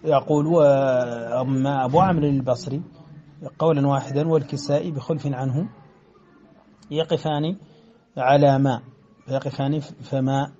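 Flat, measured man teaching Quran recitation. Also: medium pitch, lo-fi sound. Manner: measured, flat teaching delivery with frequent "aah" pauses; chants verse quotations in a raised voice. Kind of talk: explaining recitation rules in a lesson.

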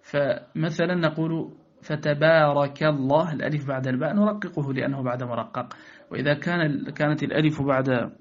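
A man teaching recitation rules, patiently explaining and slowly drawing out example words to contrast correct and wrong pronunciation. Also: fairly high pitch. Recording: dull lo-fi recording.

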